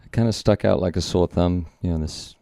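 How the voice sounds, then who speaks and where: A man's voice: deep voice, brisk, gravelly, warm tone, no room sound, clean studio sound. A man in his sixties from Singapore, a company founder chatting as a podcast guest, joking and rambling with many restarts. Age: 60s. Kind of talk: casual interview chat.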